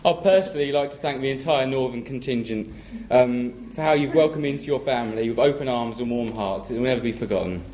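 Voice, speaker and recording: A young man from England, speaking as the groom at his wedding reception, joking and then thanking family warmly. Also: medium pitch, fast talker, few pauses. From southern England. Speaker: groom giving a wedding speech. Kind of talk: wedding speech to guests. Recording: loud crowd and noise at a reception. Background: laughing guests.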